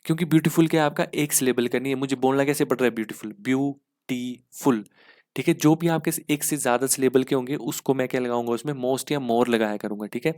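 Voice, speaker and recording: A man teaching English for an exam in a mix, explaining step by step with rhetorical questions and spelling words out slowly. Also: mid-range voice, a little mellow. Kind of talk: exam-prep lesson in Hindi-English mix.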